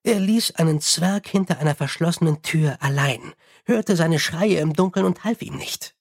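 Male reader as a solemn dwarf priest, measured and formal, husky. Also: fairly high pitch.

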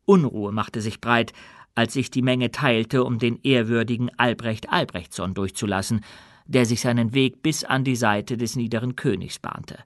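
A man narrating a fantasy audiobook in an even, measured storytelling manner. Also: mid-range voice, no echo, clean studio sound. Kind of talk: scripted narration.

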